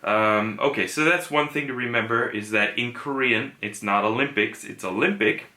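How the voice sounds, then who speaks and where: A man gives an online language lesson in a bright, clear voice. He explains patiently, leans on "uh" between thoughts, and stretches out the sounds he wants learners to copy. The room around him is echoey. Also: medium pitch. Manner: explains patiently, many "uh" fillers, repeats key sounds slowly. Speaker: Korean language teacher.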